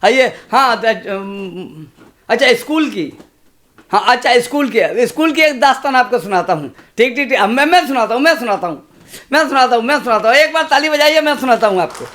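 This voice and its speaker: A man in his sixties, a comic poet reciting humorous verse on stage in a slow, sing-song way with chatty asides to the audience. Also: extremely high pitch, lively intonation, a bit bright. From India. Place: stage at a poetry gathering.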